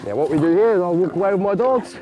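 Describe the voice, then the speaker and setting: A man's voice: sits high, expressive, fast talker, rough recording. A man with a broad New Zealand accent chatting casually outdoors on a hunt, in laid-back rural slang and short phrases. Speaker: local pig hunter and guide. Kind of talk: casual chat while hunting. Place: outdoors in bush and grassland. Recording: music over outdoor field recording.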